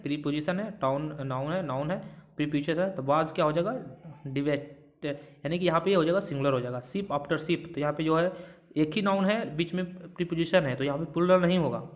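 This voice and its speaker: Higher-voiced man teaching grammar. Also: highs cut off. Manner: explains rules step by step, often asking and answering his own questions; mixes English words and example sentences into his talk. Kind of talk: exam-prep grammar lesson.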